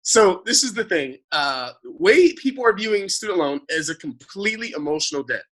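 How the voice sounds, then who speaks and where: Bright-voiced male financial advisor. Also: high-pitched, normal speed. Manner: animated, talks in long explanatory runs with frequent "right?" tag questions. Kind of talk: explaining finances in casual conversation.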